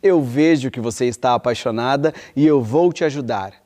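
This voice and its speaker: A woman voicing a gentle old sea king who comforts his daughter in a soothing tone. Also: extremely low pitch, moderate pace, pitched below the performer's own voice. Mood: comforting. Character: tender old sea king, a caring father.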